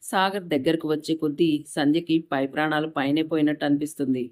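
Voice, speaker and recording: Sex: woman. Style: story narration. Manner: steady. Tone: mellow and warm. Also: low-pitched, fairly quick.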